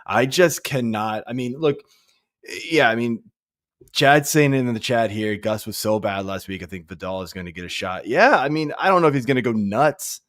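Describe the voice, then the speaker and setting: On a sports podcast, a thirty-something man serving as guest fantasy football analyst rambles casually, restarting himself and dropping plenty of "I mean"s. His mid-range voice is a bit bright and moves at a moderate pace. The audio is studio quality with no echo.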